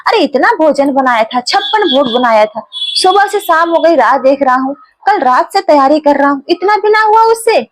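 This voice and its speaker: A woman's voice: sits high, animated, normal speed. A woman voicing an old male devotee who complains bitterly about an unanswered wish. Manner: complaining, grumbling.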